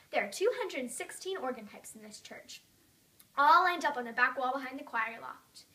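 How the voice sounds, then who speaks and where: A woman performing a memorized humorous monologue as a bored churchgoer, expressive, with sudden loud comic outbursts. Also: high voice, recorded from a distance. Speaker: speech competition performer.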